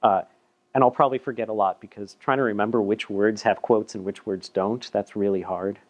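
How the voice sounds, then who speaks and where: A man's voice: lowish voice, fairly even intonation, a little fast. Chatty man presenting a paper. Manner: chatty, self-deprecating, repeats words. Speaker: meetup presenter. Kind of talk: casual technical talk. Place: meetup room.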